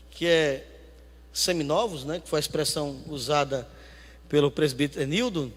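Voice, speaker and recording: In an echoey church hall with long reverb, a man with a high, fairly bright voice preaches a sermon as a pastor. He is emphatic, repeating phrases for weight and swinging between a conversational tone and a declamatory one.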